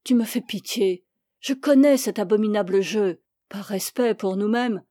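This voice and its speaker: A woman's voice: medium pitch, a little slow, warm tone, no echo, studio quality, lightly acted. A woman reading an audiobook, voicing a tormented young man who is jealous and accusing. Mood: bitter. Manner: bitter, accusing.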